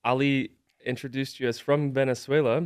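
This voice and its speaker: A man hosting a podcast, reading the show's intro and then interviewing a guest in a relaxed, conversational way with self-deprecating asides. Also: mid-range voice, normal speed, smooth. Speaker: podcast host.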